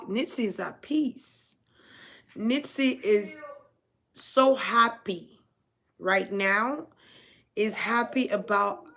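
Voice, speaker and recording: Chatty woman from Nigeria doing a spiritual reading. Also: mid-range voice. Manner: chatty, repeats and rephrases herself. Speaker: spiritual reader. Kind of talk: casual psychic reading monologue.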